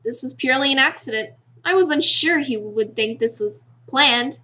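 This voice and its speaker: A woman reading a visual novel aloud with expressive asides, laughing easily and tripping over words. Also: high voice, normal speed. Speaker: gamer narrating a visual novel.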